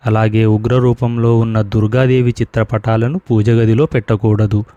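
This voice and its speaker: A man's voice: medium pitch, mellow, no echo, muffled recording. A man, a spiritual teacher, giving scripted devotional instruction and steadily listing rules for worship to his viewers.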